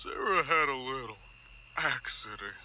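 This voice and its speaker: An actor playing a sinister, falsely friendly cat monster in an analog horror video, speaking slowly with mock sympathy and menace. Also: male voice, mid-range voice, expressive, lightly acted. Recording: distant, noisy lo-fi horror video audio.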